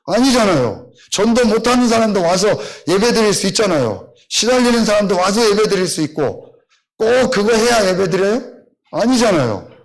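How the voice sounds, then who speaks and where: A man's voice: sits high, big pitch swings, normal speed. A man from Seosan, a pastor, preaching a blunt sermon full of rhetorical questions to his congregation. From Seosan, South Korea.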